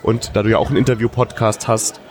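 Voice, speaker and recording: A man's voice: on the low side, little pitch movement, quick pace, music in the background. A man hosting a podcast interview, asking loose questions full of fillers. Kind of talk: casual interview. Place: busy hacker congress hall. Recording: crowd noise of a busy venue. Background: crowd chatter.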